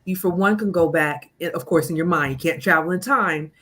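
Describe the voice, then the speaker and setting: A woman's voice: lowish voice, brisk. Earnest woman in her forties. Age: 40s. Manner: earnest, animated storytelling with mimicked voices. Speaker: healing coach guest. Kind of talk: casual conversational interview.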